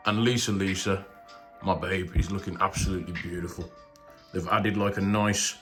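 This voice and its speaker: A man with a low-pitched voice presents an unboxing review in a chatty, informal way. He piles on superlatives as he talks to his viewers, with music playing behind him. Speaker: YouTube toy reviewer and channel host. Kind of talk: casual action figure unboxing review.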